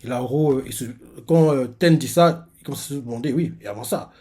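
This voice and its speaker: A man's voice: mid-range voice, fast talker, dark tone, slightly rough. A man, a reaction youtuber, narrating a manga chapter aloud in a casual way with many fillers.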